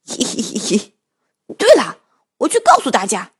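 A woman's voice: sits high, huge pitch swings, moderate pace, breathy edge, full character voice. A woman voicing a cheerful, greedy big grey male wolf in a children's story, chuckling to himself as he talks. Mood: gleeful.

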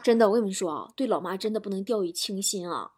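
A woman talk show host reading out listener jokes, playful and animated, adding quick comic asides. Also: medium pitch, noisy background.

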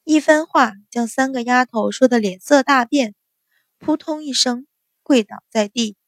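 A woman narrating a storybook in a steady, expressive way. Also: high-pitched, unhurried, dry recording, studio quality. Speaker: audiobook narrator. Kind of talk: scripted narration.

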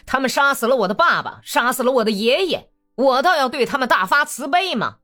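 A woman reads out a hot-tempered young Cossack man, his voice pitched high and swinging wildly as he sneers and hurls threats. The storybook delivery is lively and loud, with faint music underneath. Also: moderate pace. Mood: furious.

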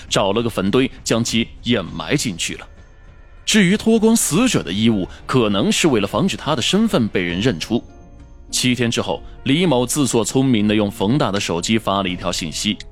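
A man narrating a scripted true crime story in the dramatic manner of a storyteller. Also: medium pitch.

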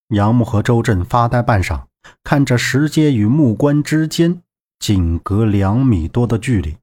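A male narrator reads an adventure audiobook in a dramatic, expressive style. His pitch rises and falls vividly as he tells the story. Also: husky. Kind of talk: scripted narration.

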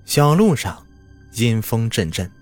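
A man's voice: mid-range voice, sing-song, slow pace. A man telling a scripted horror story in a dramatic style that builds tension, over background music.

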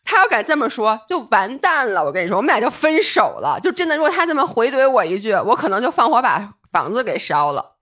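A woman co-hosting a podcast, chatting casually and telling lively stories about arguments at home. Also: on the high side, fast. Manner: lively storytelling, re-enacting her own arguments. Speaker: podcast co-host. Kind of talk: casual chat.

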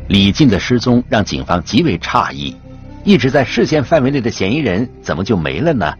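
A male true crime narrator with a low, highly animated voice. He reads a script dramatically, posing questions as he goes. Music plays clearly behind him and the sound is somewhat dull. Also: a little fast. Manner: dramatic storytelling with rhetorical questions. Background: clear background music.

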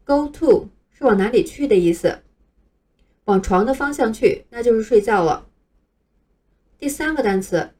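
A woman teaching beginner English pronunciation in a patient, scripted way, spelling out each new word letter by letter and reading it slowly. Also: mid-range voice, warm tone, breathy edge.

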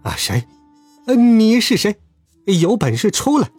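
A man voicing a cowardly, panicky male gang boss who shrieks and begs in a husky voice. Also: high-pitched, big pitch swings, brisk, a little mellow, no room sound, faint music behind, voice pushed up, exaggerated voice. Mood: terrified. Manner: shrieking, pleading.

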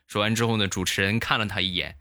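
A man hosting a comedy show, telling funny stories in a lively way and acting out the voices, close to the mic. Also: fairly low pitch, quick pace, no echo. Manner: lively, acts out every voice. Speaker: comedy host. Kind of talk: comic storytelling.

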